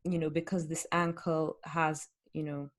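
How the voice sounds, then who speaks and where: Woman, lowish voice, fitness coach, podcast host, candid casual chat. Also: level tone, unhurried. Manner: candid, explanatory, uses rhetorical questions.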